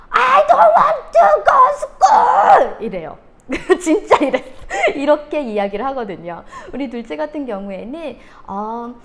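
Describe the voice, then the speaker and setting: Casting: woman in her thirties, animated parenting storyteller, slightly high voice, faint room noise. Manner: animated, acts out her children's voices with laughter. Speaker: parenting educator. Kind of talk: storytelling talk.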